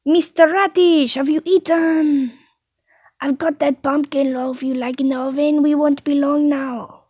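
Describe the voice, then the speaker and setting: A woman's voice: sits high, steady tone, unhurried, darkish tone, breathy edge, no room sound. A woman voicing a chatty, nosy male baker in a story reading, friendly but prying.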